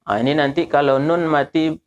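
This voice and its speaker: A man teaches the correct pronunciation of Quran verses, slowly stretching out and repeating letter sounds to demonstrate. His voice sits a little high, and the recording is muffled.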